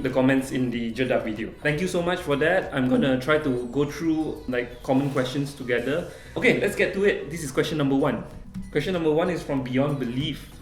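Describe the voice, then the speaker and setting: A man's voice: medium pitch, echoey room. A young man from Malaysia answering viewer questions in a casual, friendly vlog. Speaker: travel vlogger. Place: small office room.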